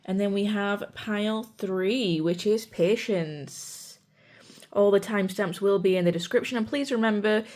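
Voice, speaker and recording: A young tarot reader from the UK gives a chatty, reassuring pick-a-card reading despite a sore throat that makes her voice crack at times. She says "you know" and "guys" a lot. Her voice is mid-range and a little mellow.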